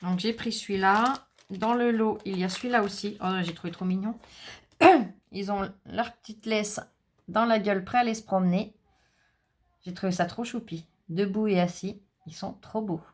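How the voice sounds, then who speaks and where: A woman's voice: medium pitch, moderate pace. A French woman chatting casually to viewers as she unboxes craft supplies, enthusiastic and talkative. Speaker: craft vlogger.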